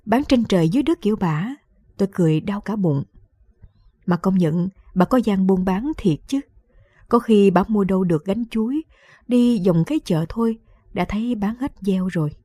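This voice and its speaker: A woman reading a first-person story for late-night radio, lively, wry and conversational. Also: mid-range voice, moderate pace, husky, no echo, studio quality.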